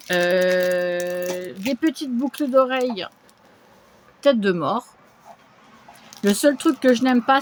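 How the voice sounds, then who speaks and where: At home, a woman walks through her shopping haul in a relaxed vlog, sprinkling her talk with fillers and small interjections. She has a mid-range voice, with slight background noise in the recording.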